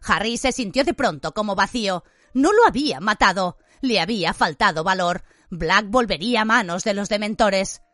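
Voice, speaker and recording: A woman narrating an audiobook with an expressive storytelling delivery, recorded in a dry studio. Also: mid-range voice, moderate pace, no echo. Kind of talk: scripted narration. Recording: dry studio read with faint music.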